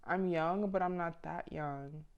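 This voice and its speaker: Speaking at a measured pace in a voice on the low side, this woman in her mid twenties vlogs self-improvement advice to camera, casual and motivational, blunt and slangy. The audio sounds dull.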